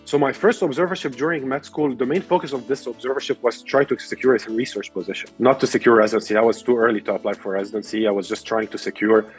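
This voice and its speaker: A man's voice: mid-range voice, fast, few pauses, husky, faint music behind. A young man from Lebanon, a resident explaining his path as an interview guest with many fillers and restarts. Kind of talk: casual interview answers.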